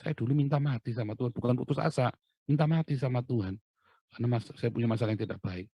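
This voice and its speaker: A middle-aged man preaching a chatty, informal sermon, swinging between loud storytelling and quiet, urgent encouragement. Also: mid-range voice, quick pace, dry recording.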